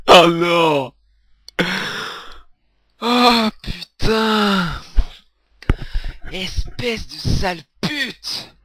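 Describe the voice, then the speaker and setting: A young man commentating his own gameplay, swearing, shouting at the game, laughing and half-singing to himself. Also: sits high, extremely slow, long pauses, dry recording. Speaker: gaming video creator.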